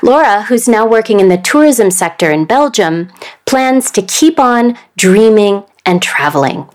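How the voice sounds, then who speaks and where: A woman hosting a studio interview, reading a measured introduction and then asking questions with soft affirming murmurs. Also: medium pitch, animated. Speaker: podcast host.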